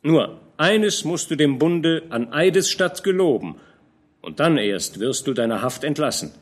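A man plays a shrewd, fatherly older field captain, speaking in a knowing, admonishing way. His pitch is lively and his pace unhurried.

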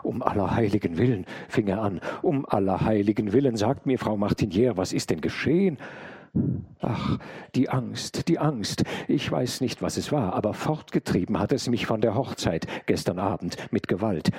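A man's voice: lowish voice, expressive, normal speed, a little mellow, breathy edge. A man voicing an honest male servant who tumbles out his words in a flustered rush.

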